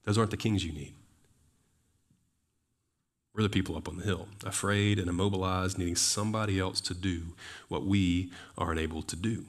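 A man's voice: sits low, steady tone, moderate pace, pauses often. A man preaching a sermon in a loose, conversational way, full of fillers and rhetorical questions. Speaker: pastor.

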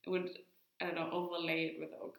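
A woman's voice: on the low side, completely flat delivery, quick pace, fairly bright tone, echoey room. A woman winemaker in casual conversation, thinking aloud with hesitant fillers.

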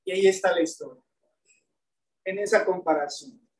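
A woman's voice: fairly low pitch, normal speed. A woman preacher delivering a sermon, often putting rhetorical questions to the congregation and addressing them as brethren. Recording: echoey room, voice from a distance.

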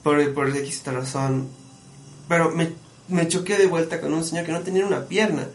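A man, a musician and producer, telling stories in a casual podcast conversation with an animated, friendly manner. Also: on the high side, normal speed. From Bolivia. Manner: animated storyteller, often calls the listener "brother". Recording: echoey room with faint background noise.

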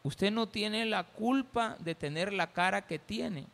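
Salvadoran pastor preaching, joking around with the congregation, brightish high voice, long church hall echo. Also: male voice, slow pace, creaky. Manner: folksy, teasing, acts out little scenes. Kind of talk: sermon.

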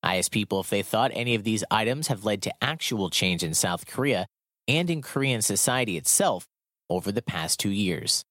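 A man reporting a radio news feature, reading a script in a measured, formal way. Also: fairly low pitch, lively intonation, a bit bright, no echo, studio quality.

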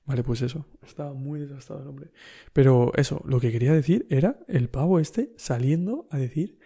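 Un hombre con acento de España que cuenta una anécdota en tono informal, relajado y con risas frecuentes. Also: male voice, mid-range voice, a little fast, vocal fry, warm tone, slightly rough. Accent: Spain Spanish. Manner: laid-back anecdotal, laughs often, slangy. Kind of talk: casual storytelling.

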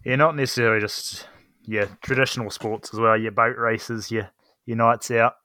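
A young man co-hosting a casual podcast, easygoing and quick to laugh. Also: mid-range voice. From New Zealand. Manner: relaxed, easygoing, laughs often. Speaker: podcast co-host. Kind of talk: casual chat.

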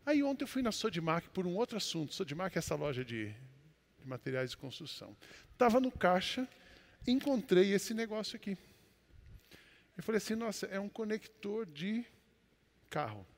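Brazilian pastor guy preaching, kinda high voice, big echoey hall, goes loud then quiet. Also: very animated, fairly quick, pauses often. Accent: Brazilian Portuguese. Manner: storytelling, swings between loud exclamations and quiet asides. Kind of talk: sermon. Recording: long hall reverb.

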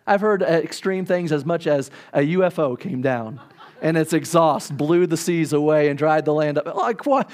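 A man in his thirties preaching a sermon, telling the story with lively acted-out voices and frequent restarts. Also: on the high side. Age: 30s. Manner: animated storytelling, acts out crowd complaints; halting restarts and repeated words. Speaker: pastor.

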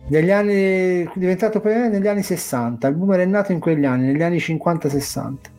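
A man's voice: sits high, quick pace, darkish tone, soft background music. A middle-aged man hosting a casual live stream chat, talking in a jokey, self-mocking way with some swearing.

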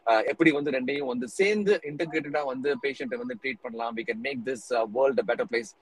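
A man with a husky voice and a Tamil accent, hosting a podcast in a chatty, conversational way and switching between English and Tamil. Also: medium pitch, rapid-fire. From Tamil Nadu, India. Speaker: podcast host and allopathic doctor.

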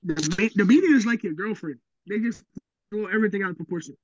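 A man's voice: high voice, expressive, quick pace, highs cut off. A man co-hosting a casual podcast, talking emphatically with swearing and pushing back on the other host. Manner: emphatic, profane, pushes back. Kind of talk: casual chat.

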